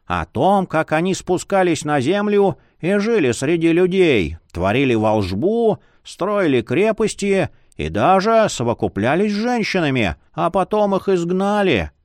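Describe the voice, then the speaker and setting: A man voicing a jovial, wheedling old male librarian with a creaky, cackling voice. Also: high voice, big pitch swings, a little slow, few pauses, dry recording, studio quality, voice pushed up.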